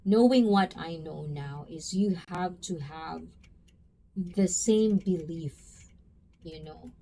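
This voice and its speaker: Slow-talking chatty woman livestreamer. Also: on the low side, mellow. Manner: chatty, sprinkles "you know" and "like", greets viewers by name. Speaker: livestream host. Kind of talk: casual live-stream chat reading comments.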